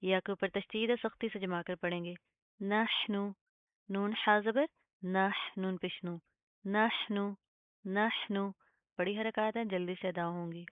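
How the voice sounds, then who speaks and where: A woman gives a step-by-step tajweed lesson, checking in with her students again and again. Her voice is smooth and clear. It sounds dry and narrow, like it came through a phone. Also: mid-range voice, fairly even intonation, a little slow, long pauses, dry recording. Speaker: Quran recitation teacher.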